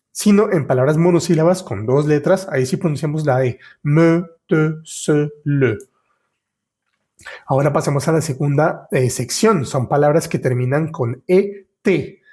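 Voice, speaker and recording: A man teaching French in a podcast lesson, explaining patiently step by step, talking to the listener as his student and repeating example words slowly. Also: on the high side, a little mellow.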